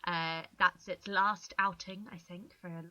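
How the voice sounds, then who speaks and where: A woman guest in a casual chat, playful and quick to act things out. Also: on the low side, fairly even intonation, bright, forceful tone, dry recording, dull audio.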